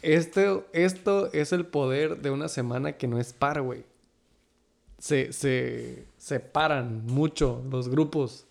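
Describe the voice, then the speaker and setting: A man with a Mexican Chicano accent and a fry-edged, gravelly voice talks casual league banter. He speaks at a middle pitch, peppers his talk with slang, and slips into English phrases. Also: slow pace, darkish tone. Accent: Mexican Spanish with Chicano flavor. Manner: slangy, code-switches into English. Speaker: sports league podcast co-host.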